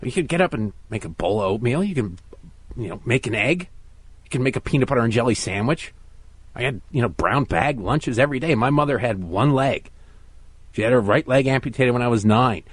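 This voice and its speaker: A man's voice: mid-range voice, expressive, fairly quick, slightly rough, no echo. A middle-aged American man filling in as a talk radio host, delivering an opinionated monologue with sarcastic, mocking asides.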